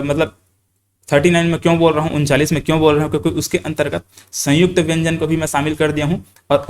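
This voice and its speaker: A man's voice: fairly high pitch, darkish tone, slight background noise. A young man teaching an exam-prep grammar lesson, asking questions and answering them himself, repeating key points. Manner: quizzes listeners with questions he then answers himself; repeats key points and fills with "thik hai".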